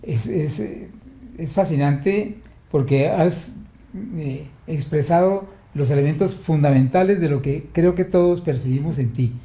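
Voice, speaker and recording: A man interviewing a guest formally, speaking slowly and often pausing to search for words. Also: on the high side, mellow, reverberant. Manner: slow, measured, searching for words.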